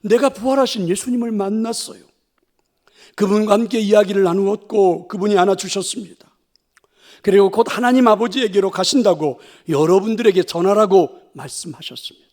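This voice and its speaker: A man's voice: sits high, expressive, moderate pace, husky, heavily acted. A man voicing a grieving woman follower in a sermon retelling, speaking in an urgent, pleading way. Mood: excited. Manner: pleading, then eager.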